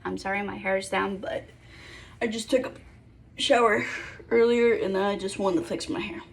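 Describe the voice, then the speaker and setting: A woman's voice: medium pitch, fairly even intonation, moderate pace, vocal fry. A young woman in casual vlog chat at home, rambling and correcting herself with apologetic asides. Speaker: vlogger.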